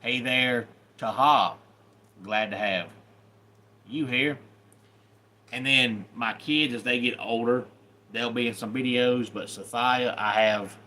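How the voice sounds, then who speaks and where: A YouTube channel host from the Southern United States runs a casual live-stream chat, his lowish, sharp-toned voice carrying a little hiss or hum. He speaks with a Southern accent in a folksy, welcoming way, greeting viewers by name.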